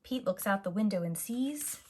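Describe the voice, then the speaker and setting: Reading a children's picture book to young listeners, this woman teacher speaks deliberately and with animation in a medium-pitched voice.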